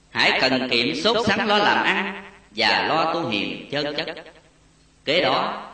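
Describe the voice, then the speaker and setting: A man reading a Buddhist memoir story aloud in a solemn, slow way, with a rising and falling voice, recorded far from the mic in an echoey space. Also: a little high. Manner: slow, solemn, lively rise and fall. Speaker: narrator. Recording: echoey and distant.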